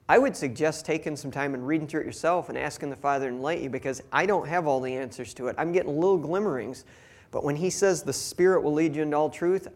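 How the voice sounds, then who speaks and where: Man, Bible teaching, reads scripture aloud, conversational commentary, earnest, light humor, slightly higher voice.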